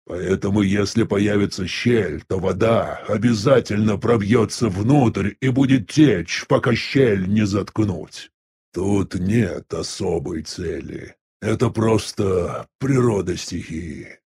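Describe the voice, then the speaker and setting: A man reads as a tired old elder of a mystic sect, husky and slow. His voice sits low and dark, every sentence weighed out with resigned calm in a measured audiobook delivery. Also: exaggerated voice. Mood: weary musing. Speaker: audiobook voice actor. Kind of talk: audiobook dialogue reading.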